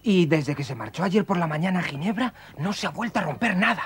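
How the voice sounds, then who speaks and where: A man's voice: high voice, expressive, fast, fairly bright tone, slight background noise. A man playing an earnest, inquisitive young cartoon adventurer. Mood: thoughtful.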